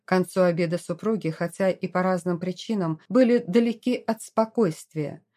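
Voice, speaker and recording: A woman reading a romance novel aloud as an audiobook, in an expressive, dramatic way. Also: on the low side, normal speed. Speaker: audiobook narrator. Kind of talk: scripted narration.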